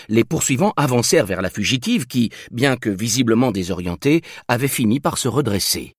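A man reading a novel aloud as narrator, in an expressive, measured way. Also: mid-range voice, breathy edge, no room sound, clean studio sound. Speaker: audiobook narrator. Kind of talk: scripted narration.

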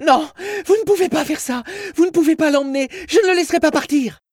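A man's voice: very high-pitched, fast talker, no echo, clean studio sound, pitched above the performer's own voice. A man voicing a terrified mother who screams and begs intruders to let her husband go. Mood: frantic, pleading. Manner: screaming, frantic pleading.

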